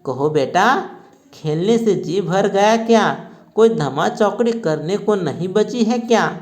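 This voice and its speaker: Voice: medium pitch, expressive, takes it slowly. A reader voicing a jovial old village herbal doctor who talks confidently and teasingly, in a school reading of a play.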